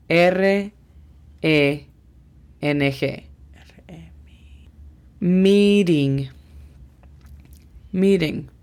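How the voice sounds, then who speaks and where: A woman's voice: fairly low pitch, darkish tone. A woman teaching English vocabulary, spelling out each word sound by sound. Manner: slow, spells words out sound by sound. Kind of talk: language lesson.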